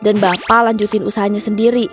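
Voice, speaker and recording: A woman's voice: medium pitch, level tone, fast, music in the background. A young adult woman from Indonesia with speech, telling a personal story casually in the first person.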